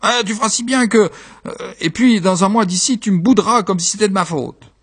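A man voicing a young peasant wife who frets and scolds her husband, in a high, pleading voice. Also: a bit bright, breathy edge. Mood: complaining. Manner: shrill, pleading, quick to complain. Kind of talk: dramatic reading.

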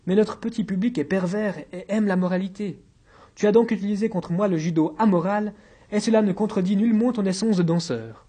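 Man reading earnest hurt young male friend, reproachful, high voice, husky edge, audiobook. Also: a little fast, dark tone.

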